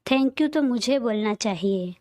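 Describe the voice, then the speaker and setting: A woman's voice: on the high side, animated, unhurried, a little mellow, no echo, clean studio sound. A woman voicing a cheerful, teasing young man who is a loyal friend, in a read-aloud audio story. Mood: friendly.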